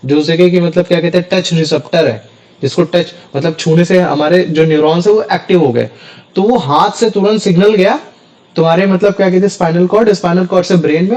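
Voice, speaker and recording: High-voiced man teaching science. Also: darkish tone, rough recording. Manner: repeats terms as questions to students. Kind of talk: casual classroom explanation.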